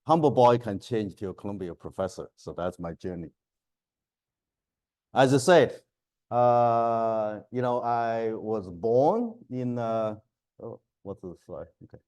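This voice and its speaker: A man, his voice low-pitched and unhurried as he tells stories in broken English. He gives a chatty, laughing university lecture through a clip-on lapel mic in a lecture room. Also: a little mellow. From China. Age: 50s. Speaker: professor.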